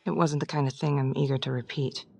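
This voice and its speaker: A woman's voice: very deep voice, little pitch movement, quick pace, gravelly, mellow. An actress playing a blunt, defensive female detective in a game. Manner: blunt, curt. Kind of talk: game voice acting.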